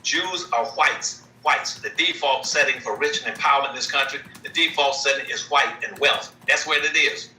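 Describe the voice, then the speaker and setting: A man's voice: medium pitch, normal speed, hardly any pauses, distant mic. A man speaking as a guest in an emphatic lecturing way, hammering home repeated phrases over a video call. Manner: forceful, repeats key phrases. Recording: roomy sound, away from the mic.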